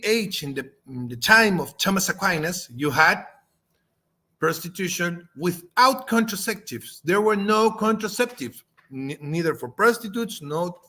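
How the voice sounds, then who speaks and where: Man with a Chilean Spanish accent, native Spanish speaker; slow, halting delivery with fillers; slightly raised pitch. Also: pushed and bright. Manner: halting, many fillers and restarts. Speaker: channel host. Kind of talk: spoken video response.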